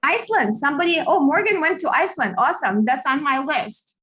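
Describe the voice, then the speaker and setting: A woman's voice: high-pitched, animated, a little fast, a bit bright. A woman from Russia, a native Russian speaker, giving an upbeat, chatty online talk as a study abroad advisor over a video call. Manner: upbeat, chatty, many fillers. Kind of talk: online information session.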